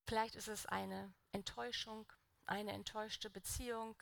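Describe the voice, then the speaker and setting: Bright-voiced woman preaching a sermon. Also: medium pitch, little pitch movement, moderate pace, vocal fry, no echo. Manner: earnest, conversational, with direct questions to the congregation.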